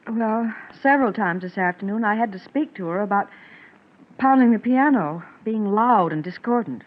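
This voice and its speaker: A woman's voice: medium pitch, expressive, moderate pace, lightly acted. An actress playing a strained, exasperated mother in a 1940s radio drama, with a genteel, firm, scolding manner. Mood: uneasy, polite. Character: strained, exasperated young mother trying to be patient. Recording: muffled 1940s radio recording.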